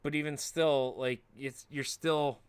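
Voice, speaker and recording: A man's voice: fairly high pitch, steady tone, slow, a little hiss or hum. A man hosting a livestream, chatting casually in rambling, joking rants. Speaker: livestream host.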